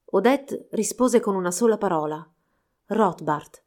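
A woman narrating a fairy tale storybook in a steady, expressive reading. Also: mid-range voice, fairly quick.

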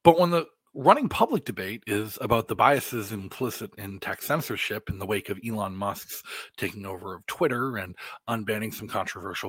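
An American man delivering a podcast monologue as host, in deliberate phrases with emphatic stresses. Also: fairly low pitch, a bit bright, husky, no room sound.

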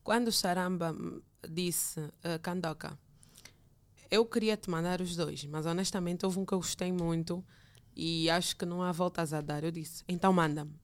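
Low-voiced woman chatting casually. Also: steady tone, normal speed. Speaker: podcast guest, copywriter. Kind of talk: casual conversational storytelling.

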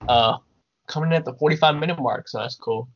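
A man's voice: on the high side, fast talker. A young American man hosting a casual podcast over a remote call, talking like a frat bro with lots of slang and swearing. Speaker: podcast host. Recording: dull lo-fi audio.

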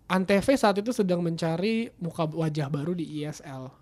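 A man's voice: fairly high pitch, moderate pace. A man, a football commentator chatting casually on a podcast, rambling with restarts and fillers. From Indonesia.

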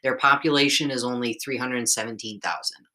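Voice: mid-range voice, fairly even intonation, fairly quick, pushed and bright. A podcast host presenting a top ten countdown in a conversational way, reading out figures and adding chatty asides. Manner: reads figures out, then adds chatty asides with tag questions.

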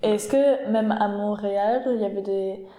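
A woman asks curious, short questions in a mellow, soft voice. The recording sounds echoey, as if in a bare room. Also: medium pitch, steady tone, normal speed. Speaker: interviewer. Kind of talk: casual interview.

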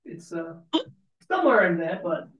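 A man hosting a casual chat show, speaking softly and hesitantly, often trailing off. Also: sits high, very animated, moderate pace, lo-fi sound, crowd noise. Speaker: host. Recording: echoey room.

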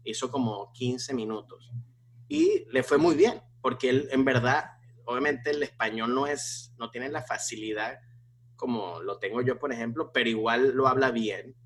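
A stand-up comedian chats casually, his medium-pitched, slightly rough voice moving at a moderate pace. He is animated and full of restarts and fillers.

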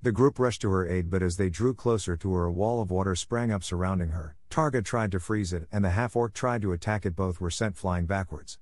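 A low-voiced man narrates a fantasy story in a steady, read-aloud way. His voice sits close to the mic in a dry, dead space. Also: a little fast, hardly any pauses, dry recording. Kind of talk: scripted narration.

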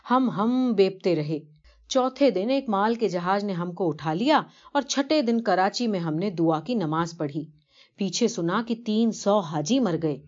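Woman voicing a humble old pilgrim man for a story reading, lowered voice, earnest and slow, dull lo-fi sound. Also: a little mellow, close to an everyday voice. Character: poor elderly man, devout pilgrim, humble. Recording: dull lo-fi recording.

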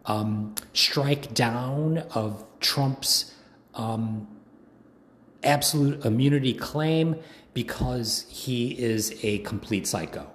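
A hoarse man giving a rambling, indignant political monologue, full of ums and uhs. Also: mid-range voice, slow pace, fairly bright tone. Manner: rambling, indignant ranting with many fillers. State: hoarse from long talking. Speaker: political commentator. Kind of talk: casual monologue. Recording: echoey room, faint background noise.

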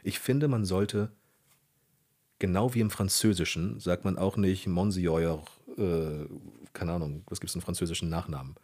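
A man, a guest on a podcast, explaining how he directs dubbing in an animated way that often corrects itself mid-sentence. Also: low voice, moderate pace. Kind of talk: casual podcast interview.

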